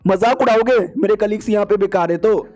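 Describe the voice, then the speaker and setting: Man doing a shrill feisty young woman. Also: fairly quick, darkish tone, natural voice. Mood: defiant protest. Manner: shrill, protesting, scolding.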